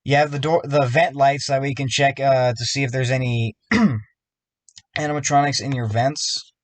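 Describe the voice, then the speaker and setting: A man ranting about a video game, rambling and filling pauses with "you know" in an upset, worked-up way. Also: mid-range voice, fairly even intonation, no echo. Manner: rambling, fillers, frustrated. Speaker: YouTuber.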